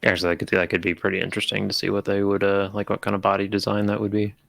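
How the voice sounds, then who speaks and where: Low, gravelly male co-host, flat and halting. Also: no echo. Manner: hesitant, halting. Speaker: podcast co-host. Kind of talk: casual gear chat.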